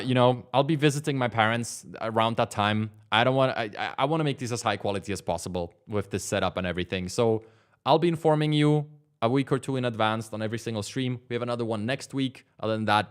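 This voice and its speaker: A man's voice: medium pitch, smooth. A young man in his twenties hosting a casual livestream from his desk, rambling and leaning on fillers as he answers chat. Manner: rambling, filler-heavy, lots of "like". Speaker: livestream host. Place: home studio desk.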